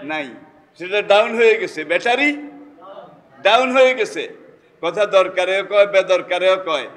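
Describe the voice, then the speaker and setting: High-voiced Bangladeshi preacher in reverberant hall. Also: male voice, a bit bright. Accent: Bangladeshi Bengali. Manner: rhetorical questions to the congregation, acts out dialogue. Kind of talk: Friday sermon.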